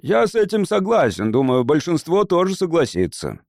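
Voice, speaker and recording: Narrator doing a confident, forceful American agent, dry close mic. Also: male voice, fairly high pitch, wildly swooping pitch, normal speed, vocal fry, no room sound, pitched above the performer's own voice, heavily acted. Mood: assured. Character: big, confident American man, literary agent.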